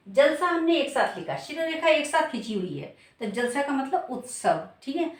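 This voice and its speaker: A woman teaching a spelling lesson to exam students. She talks slowly, repeats her examples and asks questions that she answers herself. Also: on the high side. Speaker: Sanskrit and Hindi teacher. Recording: echoey room, voice from a distance.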